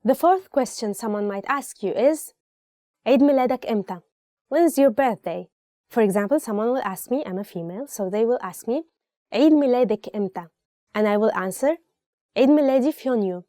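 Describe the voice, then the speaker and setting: A woman's voice: fairly high pitch, animated, rapid-fire, dark tone, no room sound, studio quality. A young woman from Egypt, chatting to camera as she teaches spoken Arabic and repeats each phrase. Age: young adult. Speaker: language teacher. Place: small indoor studio with plain wall.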